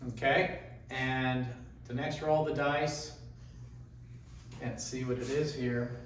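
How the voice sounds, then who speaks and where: A man giving a casual, unscripted demonstration as host, talking in a halting way as he thinks aloud. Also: medium pitch, steady tone. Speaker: craps tutorial host. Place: echoey indoor room. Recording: echoey room, distant mic, faint noise.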